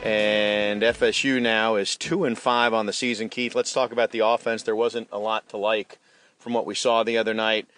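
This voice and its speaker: A man's voice: on the low side, flat delivery, normal speed, fairly bright tone, faint music behind. A man hosting a sports talk show, chatting about a football game and reading sponsor spots in a conversational way. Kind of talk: sports radio talk and live ad reads.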